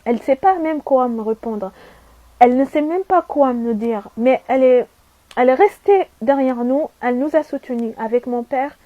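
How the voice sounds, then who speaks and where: Earnest high-voiced woman, dull lo-fi. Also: warm tone, dry recording. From Saudi Arabia. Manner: earnest and emphatic, repeats herself, asks rhetorical questions. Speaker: vlogger giving testimony. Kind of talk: personal testimony to camera.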